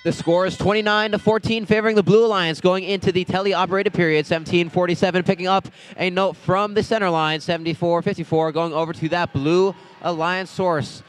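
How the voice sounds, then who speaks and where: A man announcing a robotics competition, giving steady live play-by-play of team numbers and scores at the event venue. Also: sits high, a little fast, few pauses. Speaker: match announcer.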